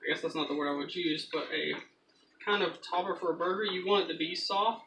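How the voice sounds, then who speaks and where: A young man with a fairly quick, high-leaning, pushed and bright voice demonstrates a recipe in his small home kitchen. His explanations are casual and instructive, and the handheld camera recording is noisy.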